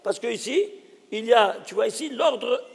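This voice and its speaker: An animated rabbi, a man, teaches in a hall with a long, lingering reverb. His voice sits very high with a gravelly edge, and he keeps exclaiming and putting questions to his listeners. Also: moderate pace. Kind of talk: Torah lesson.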